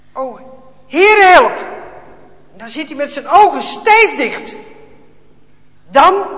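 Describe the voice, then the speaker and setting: A man telling a children's Bible story in an expressive, dramatic way, with small hesitations. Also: extremely high pitch. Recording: echoey hall, dull lo-fi sound.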